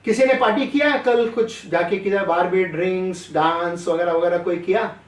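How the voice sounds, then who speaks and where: A man's voice: high voice, moderate pace, roomy sound, far from the mic, low-quality recording. A man preaching a sermon in a chatty way, often asking his listeners questions. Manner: conversational, asks the audience questions. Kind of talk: sermon over online call.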